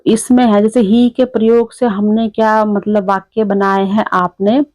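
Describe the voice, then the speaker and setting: A woman teacher explaining a lesson step by step, often pausing to check with "theek hai". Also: mid-range voice, little pitch movement, darkish tone, dry recording.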